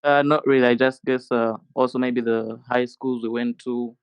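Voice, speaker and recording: A man from Zambia answers as a rapper guest in a relaxed, almost monotone voice. His tone is smooth and the sound is dry and close, with no room echo. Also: medium pitch, moderate pace, muffled recording. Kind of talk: casual interview answers.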